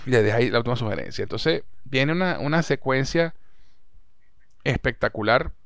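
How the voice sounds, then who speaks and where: A young man with a Venezuelan Spanish accent, chatting casually as a podcast host and recapping a series in an animated way. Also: medium pitch, fairly quick, no room sound, studio quality. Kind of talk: casual chat.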